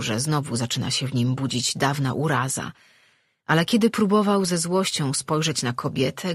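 An audiobook narrator reading fantasy fiction in a steady, measured way. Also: medium pitch, husky, dry recording, clean studio sound.

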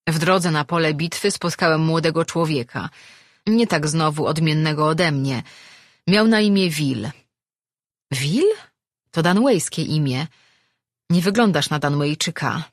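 Woman playing a man, ancient dream weaver, weary, earnest, low, husky. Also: no room sound, clean studio sound.

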